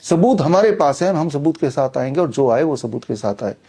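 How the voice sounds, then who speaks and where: A middle-aged man speaks in a somewhat high, mellow voice. He talks insistently and combatively, directly to the audience. Frequent "uh" fillers break up his claims. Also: animated, moderate pace, breathy edge. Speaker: author promoting his books and a training program. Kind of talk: persuasive direct-to-camera monologue.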